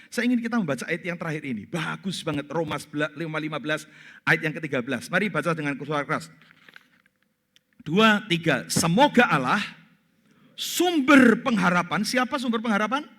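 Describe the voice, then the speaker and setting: A male pastor preaching a sermon in church, telling a story with lively acted-out voices and laughter. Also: on the high side, normal speed. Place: church sanctuary.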